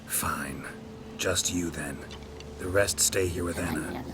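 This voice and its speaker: An actor playing a gruff, stoic male monster hunter who speaks in a clipped, laconic way. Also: low voice, slow pace, background noise. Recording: game audio under very loud music.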